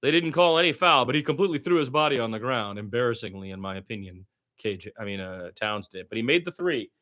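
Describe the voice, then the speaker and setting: This man narrates a basketball game like a homemade radio broadcast, in short clipped lines peppered with partisan opinions. He sounds animated and quick, mid-range in pitch and a bit bright.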